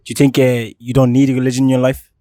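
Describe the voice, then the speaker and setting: A man's voice: mid-range voice, monotone, very fast, mellow, dry recording, studio quality. A man working as a street interviewer, asking questions in a casual, conversational style.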